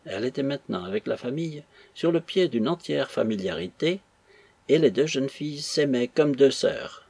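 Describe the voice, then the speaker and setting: A man reading a classic novel aloud in an expressive way. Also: medium pitch, moderate pace, creaky, slightly rough, no echo. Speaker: audiobook narrator. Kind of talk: scripted narration of a classic novel.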